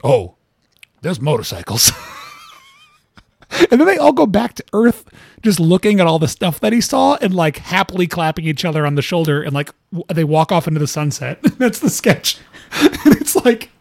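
A man's voice: on the high side, gravelly, a little mellow, dry recording. A man talking casually as an interview guest, rambling with lots of fillers and laughing at his own stories. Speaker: cartoonist guest.

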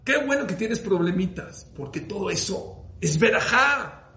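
A man preaching as a rabbi, swinging from hushed to loud and firing rhetorical questions at his listeners. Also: high-pitched, lively intonation, a little slow. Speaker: rabbi giving a Torah talk. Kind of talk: sermon to a live audience. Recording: roomy echo.

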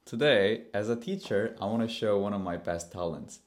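A man's voice: fairly low pitch, moderate pace. A man, a cheerful influencer guest on a podcast who giggles and jokes easily. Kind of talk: casual podcast interview.

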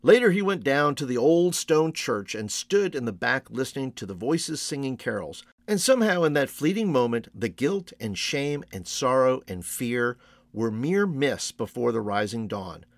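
A man reading a storybook aloud in a measured, expressive storytelling manner. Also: mid-range voice, no echo. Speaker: reader.

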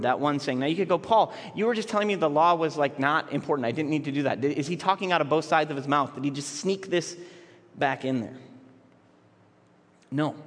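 A man preaching a sermon as pastor, in a conversational way with frequent restarts and repeated words. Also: medium pitch. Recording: long hall reverb.

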